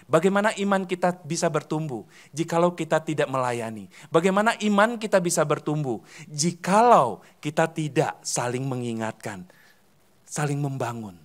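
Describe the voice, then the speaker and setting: Animated pastor preaching. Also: male voice, on the high side, normal speed. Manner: animated, asks the congregation questions and answers them himself; swings between loud emphatic calls and soft dropped endings. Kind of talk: sermon. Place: church hall.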